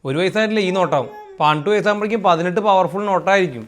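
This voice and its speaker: A woman's voice: on the low side, racing. A woman vlogger chatting casually with her family and narrating a home recipe, mixing English words into her talk. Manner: chatty, mixes English into Malayalam. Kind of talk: casual vlog chat and cooking narration. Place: home kitchen and dining area.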